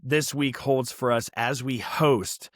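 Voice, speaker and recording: Male podcast host, mid-pitched, dry close mic, animated storyteller. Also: slow pace, dry recording. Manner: animated storyteller, acts out quotes. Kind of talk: casual sports chat.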